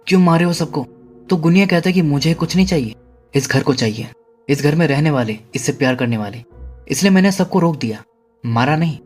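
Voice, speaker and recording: A man narrating a horror movie recap, steadily retelling the plot and paraphrasing the characters' lines. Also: fairly high pitch. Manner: steady storytelling, paraphrasing dialogue. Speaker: movie explainer.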